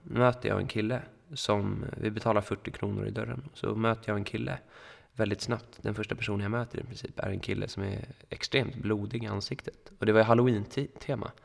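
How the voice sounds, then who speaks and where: A young man spins a rambling anecdote with a low, gravelly voice, stopping often on fillers and acting out what people said. His voice rings with a long echo from the room around him. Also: fairly even intonation, few pauses. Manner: rambling anecdote with many fillers and quoted dialogue. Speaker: podcast co-host. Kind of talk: casual storytelling chat. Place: school room.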